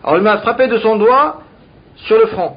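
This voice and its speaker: A man's voice: sits high, moderate pace. A man reading Talmud passages in Aramaic and translating them aloud as a teacher. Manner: reads Aramaic phrases then translates them. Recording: dull lo-fi recording.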